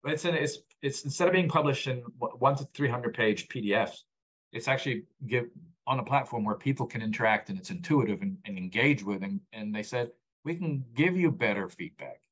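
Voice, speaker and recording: In a low-quality recording, a man with a mid-range, animated voice talks briskly in a fairly bright tone with a breathy edge. He is the founder of a data platform, of Egyptian background and raised abroad, appearing as a guest in a conversational podcast interview and earnestly explaining his data work with repeated main points and frequent restarts.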